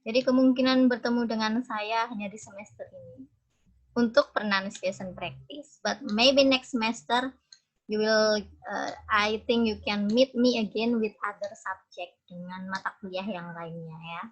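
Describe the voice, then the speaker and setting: A woman's voice: mid-range voice, unhurried, highs cut off. A young woman lecturer with an Indonesian accent, moving between English and Indonesian as she explains terms patiently to her class. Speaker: university lecturer.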